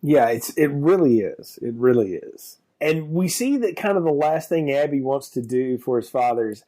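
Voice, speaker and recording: A man co-hosting a film podcast, chatting casually and expressively with quick asides. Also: mid-range voice, expressive, mellow. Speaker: podcast co-host. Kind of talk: casual film review chat.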